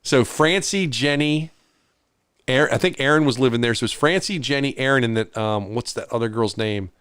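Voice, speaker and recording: A man's voice: medium pitch, fairly quick, a bit bright, clean tone, no room sound. A middle-aged man co-hosting a podcast, telling a story in casual chat and acting out the voices of the people in it. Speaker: podcast co-host.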